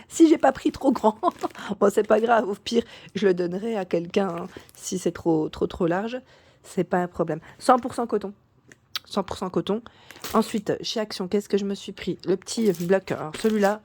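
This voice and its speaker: A woman vlogger chatting casually through a shopping haul, full of fillers and restarts, her voice cracking and hoarse at times. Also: mid-range voice, a little mellow, dry recording. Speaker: YouTube vlogger.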